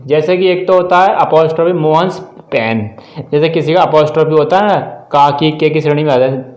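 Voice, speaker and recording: Teaching a grammar lesson step by step, this man spells words out letter by letter and checks in frequently. His voice sits on the high side with a somewhat dark tone, and the room is echoey.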